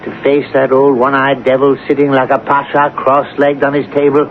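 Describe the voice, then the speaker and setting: A man's voice: mid-range voice, monotone, normal speed, lightly acted. A man playing a genteel, self-satisfied senior clerk in a 1970s radio drama. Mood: puzzled, concerned. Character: self-satisfied male chief clerk, jovial and condescending. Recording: tinny, noisy 1970s radio broadcast.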